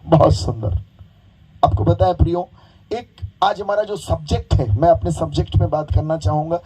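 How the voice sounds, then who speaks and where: A hoarse man preaching a sermon, telling stories with animation and coaxing the crowd into call-and-response. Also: fairly high pitch, moderate pace, background noise.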